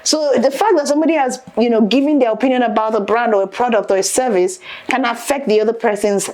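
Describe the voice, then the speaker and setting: African-accented woman, lively podcast guest. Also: a little high, quick pace. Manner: animated, laughing often, repeats words when starting a thought. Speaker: guest, interior decorator and entrepreneur. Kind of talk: casual podcast interview.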